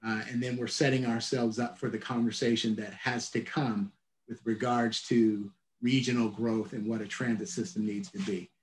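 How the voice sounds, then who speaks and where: On an echoey video call from a home or work office, a middle-aged transit agency leader fields questions in a mid-range voice with little pitch movement. He speaks in a measured way, often restarting phrases and filling gaps with "uh."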